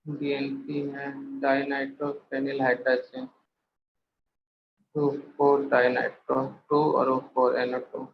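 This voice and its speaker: A man's voice: mid-range voice, completely flat delivery, measured pace, vocal fry. A man teaching a chemistry class, firing questions at students and addressing them as beta. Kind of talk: classroom lecture. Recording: echoey room, muffled, faint hiss.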